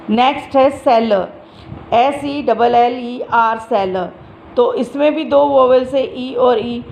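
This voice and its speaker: A woman's voice: fairly high pitch, darkish tone. A woman teacher explaining a textbook lesson step by step, spelling out words letter by letter and asking questions that she answers herself. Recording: dull lo-fi recording with faint background noise.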